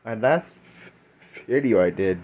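A young man vlogging, halting and stammering through lots of fillers, shaken and upset as he rants, with angry outbursts. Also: on the low side, expressive, darkish tone, lo-fi sound. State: shaking and upset. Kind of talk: casual rant to camera.

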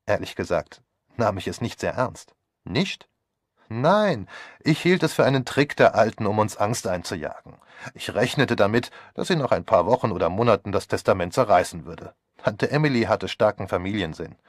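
A glib, mocking young man talks breezily and sardonically in an audiobook, as a male reader puts him on. His voice is lowish, and the recording is close and dry. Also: expressive, moderate pace, dry recording. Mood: flippant. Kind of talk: audiobook character voice.

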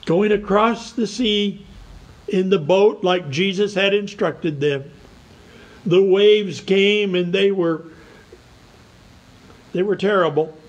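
Slow, high-voiced man preaching. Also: muffled recording. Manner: slow, earnest preaching with scripture reading. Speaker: pastor. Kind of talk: sermon.

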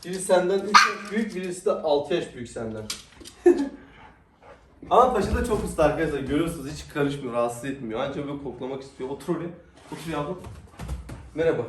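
A man's voice: on the high side, lively intonation, quick pace, long pauses, a bit bright, recorded from a distance. A man vlogging at home with his dogs, coaxing them with affectionate commands while chatting to viewers. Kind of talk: casual vlog talk to dogs and viewers. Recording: echoey, off-mic, noisy background.

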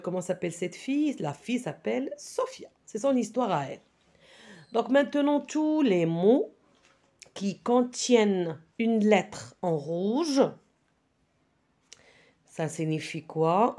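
A woman's voice: medium pitch, darkish tone. A middle-aged woman teaching a primary spelling lesson with patience, checking in often with the class and with parents. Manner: patient, repeats "d'accord?".

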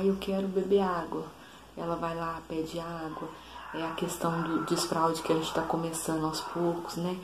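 A young woman with a Brazilian Portuguese accent, chatting casually to camera as a mother vlogger, often asking "sabe?". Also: mellow. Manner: chatty, says "sabe?" often, quotes her toddler in a higher voice. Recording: echoey room with faint background noise.

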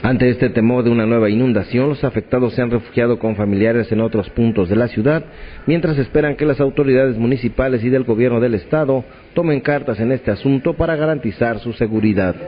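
A man's voice: medium pitch, a little fast. A man with a Mexican accent reading a scripted news report as a voice-over. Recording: dull lo-fi audio, faint noise.

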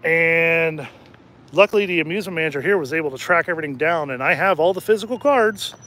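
A man hosting a casual livestream outdoors at night, jokey and rambling, his throat slightly hoarse from talking. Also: fairly high pitch, quick pace, bright, forceful tone. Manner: rambling and jokey, laughs often. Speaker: channel host and rideshare driver.

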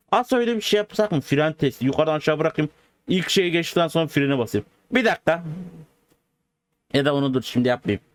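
A man with a slightly high voice talks through a driving game in loose, slangy commentary. He is excitable and joking, bantering with the viewers as he plays. He sounds like a video host chatting off the cuff. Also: no echo. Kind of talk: casual gameplay commentary.

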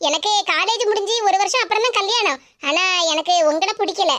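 A woman voicing a stubborn college-age bride with a Kanyakumari Tamil accent in an animated cartoon. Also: very high voice, a little fast, no echo, studio quality. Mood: firm.

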